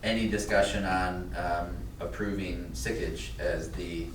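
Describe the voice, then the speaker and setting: A man chairing a formal meeting in a brisk, businesslike way. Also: sits low, little pitch movement. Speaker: board chair. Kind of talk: formal meeting procedure mixed with casual discussion. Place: meeting room, picked up from a distance. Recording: echoey room, distant mic, clear background noise.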